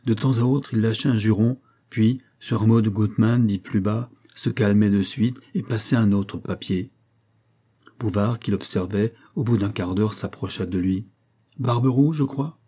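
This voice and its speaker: A man narrating a classic novel as an audiobook in a measured, even reading. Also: on the low side, husky.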